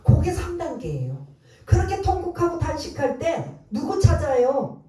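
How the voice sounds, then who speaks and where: A woman's voice: sits high, huge pitch swings, moderate pace, mellow, soft background music. A woman pastor preaching a sermon, emphatic and quizzing her congregation with rhetorical questions. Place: church sanctuary. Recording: very echoey church hall, mic at a distance.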